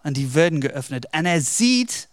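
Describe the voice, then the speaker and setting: Brief: male preacher, lively storytelling, higher voice, slow, dry close mic. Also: no echo. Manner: animated storytelling, switches into English words. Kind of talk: devotional Bible talk.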